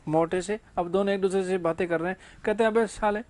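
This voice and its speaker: Speaking quickly in a high, steady, slightly mellow voice, this man teaches English grammar to a class. He raises questions only to answer them himself and drops in offhand jokes.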